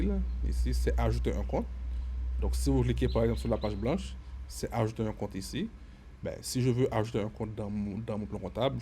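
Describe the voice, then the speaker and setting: A man giving a screen-recorded software lesson, often repeating words and filling pauses as he explains. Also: lowish voice, slight background noise. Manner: stammering repetitions, many fillers. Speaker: software tutorial instructor.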